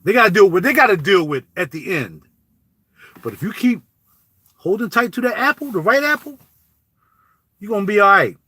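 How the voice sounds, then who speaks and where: A man talks to camera in a casual vlog, preaching in animated street talk with big swings of pitch. His voice sits high and sounds bright and forceful. The recording is dry and close to the mic. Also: brisk, pauses often, breathy edge, dry recording. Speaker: YouTube vlogger. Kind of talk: casual spoken commentary.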